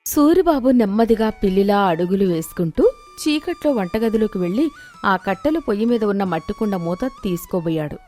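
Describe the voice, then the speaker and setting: A woman narrating an animated moral story in a steady, expressive way. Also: mid-range voice, fairly quick, soft background music.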